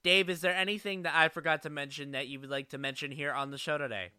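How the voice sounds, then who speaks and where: A man hosts a country radio show, asking his guests polite, prepared questions. His voice is very bright and smooth, pitched fairly high for a man. The sound is dry and close. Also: fairly even intonation, fast, no echo. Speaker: radio host. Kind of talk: radio interview hosting.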